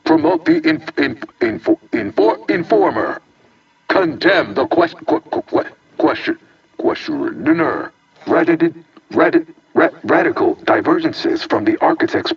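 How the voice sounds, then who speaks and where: A cold, calculating machine mind breaks down into a glitching robot voice. It stutters, loops and chops its own words apart with a lively, jumpy pitch. The game audio sounds distant and dull, as if heard from across the room. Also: male voice, a little slow, creaky, slightly rough, exaggerated voice. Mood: frantic glitching. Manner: repeats broken word fragments, stutters mid-word. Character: malfunctioning male AI computer, cold and calculating. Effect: glitching robot voice, stuttering and looping words. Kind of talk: video game voice acting.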